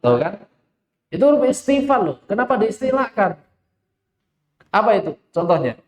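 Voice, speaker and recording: A man teaching Quran recitation. He explains the rules and chants the verses slowly and drawn out. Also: high-pitched, sing-song. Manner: laughs while telling an anecdote. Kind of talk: tajweed lesson with recitation. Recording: echoey hall, dull lo-fi sound.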